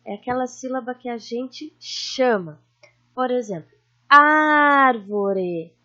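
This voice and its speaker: A Brazilian woman teacher giving a recorded lesson to children, drawing out syllables slowly and checking in with her pupils. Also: fairly high pitch, highs cut off. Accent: Brazilian Portuguese. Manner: slow, drawn-out stressing of syllables; warm teacherly questions to pupils.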